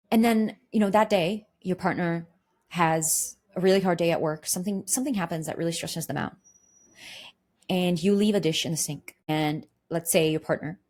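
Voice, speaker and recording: Earnest woman with a low voice. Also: a little mellow. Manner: earnest, teaching with everyday examples and questions to the listener. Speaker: podcast host and communication coach. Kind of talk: solo podcast monologue.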